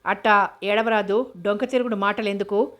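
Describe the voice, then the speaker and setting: A curt, serious young man, read by a woman storyteller. He speaks in a flat, even line and sounds irritated and terse. This is an audiobook reading. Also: medium pitch, fairly quick, close to an everyday voice.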